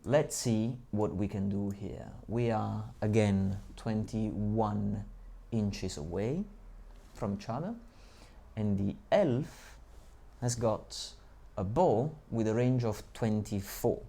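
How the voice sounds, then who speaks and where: A man with a fairly low, mellow voice explains tabletop wargame rules. He works through the dice math patiently, step by step, dropping in small asides along the way. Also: slow, creaky. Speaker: tabletop game tutorial presenter.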